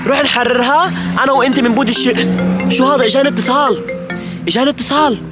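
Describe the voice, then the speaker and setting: Excitable high-voiced male skit host. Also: racing, over loud music. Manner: excitable, dramatic, talks to viewers. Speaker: youtube host. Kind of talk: kids' comedy skit.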